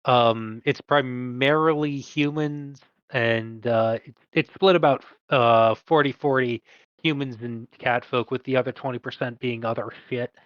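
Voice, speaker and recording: A man's voice: mid-range voice, fairly even intonation, a little slow, dry recording. A man acting as game master, explaining a homebrew tabletop setting in a casual, hesitant way with profane asides. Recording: dull lo-fi mic, dry.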